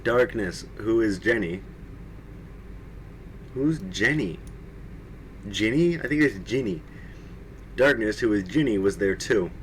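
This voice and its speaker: A man's voice: on the low side, animated, slow pace, long pauses, a little hiss or hum, rough recording. A man reading fan fiction aloud on a live stream, with mocking asides, frequent laughter and swearing. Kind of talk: casual comedic dramatic reading.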